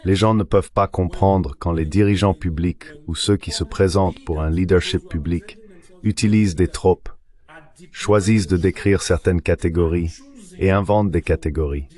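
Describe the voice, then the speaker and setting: Very deep-voiced man explaining at length. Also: fairly even intonation, moderate pace, darkish tone. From Nigeria. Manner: explanatory, lecturing, builds points with examples. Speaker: professor and guest. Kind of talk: interview answer in a dubbed translation.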